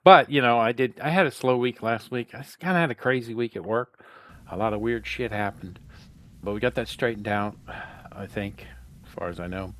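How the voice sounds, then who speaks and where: A man's voice: medium pitch, moderate pace, fairly bright tone. A man co-hosting a reselling podcast in casual chat, rambling and restarting his sentences, talking into a headset. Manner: rambling, restarts a lot, loose and profane. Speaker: podcast co-host.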